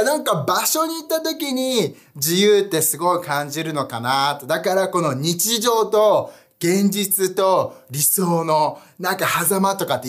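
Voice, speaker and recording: A young man preaching a casual online sermon, animated and chatty, often asking his audience questions. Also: high voice. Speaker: youth pastor.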